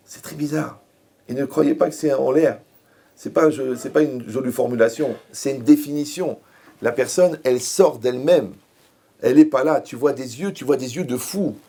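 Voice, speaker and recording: A man's voice: mid-range voice, moderate pace, creaky, dark tone, husky. A man giving a Torah lecture as a rabbi, mixing jokes with rhetorical questions to his audience. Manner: joking, asks rhetorical questions.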